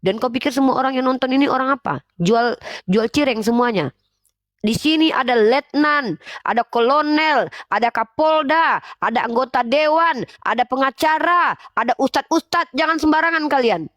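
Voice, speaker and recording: A woman's voice: high-pitched, moderate pace, fairly bright tone, no room sound, clean studio sound. A woman preacher hosting a live stream, speaking in a stern, scolding way and repeating her accusations for emphasis. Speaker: livestream Islamic preacher and host.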